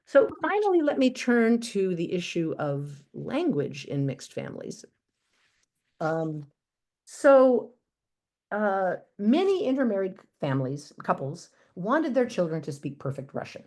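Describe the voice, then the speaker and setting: A woman giving an academic lecture, measured and a little halting, with frequent ums and restarts. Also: mid-range voice, sing-song, darkish tone. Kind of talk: academic talk.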